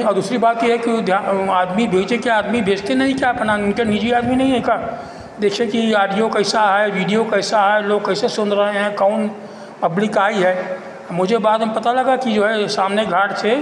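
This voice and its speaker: A man talks in a rambling, halting way, often repeating himself. His delivery is an informal complaint from an ordinary citizen. The recording rings with long room reverb and carries faint noise. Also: high-pitched. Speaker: local citizen giving his account. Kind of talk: informal spoken monologue of complaint and appeal.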